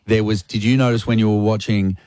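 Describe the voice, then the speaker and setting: Low-voiced Australian radio host. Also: male voice, steady tone, a little fast, dark tone. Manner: jokey, teasing. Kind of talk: casual chat.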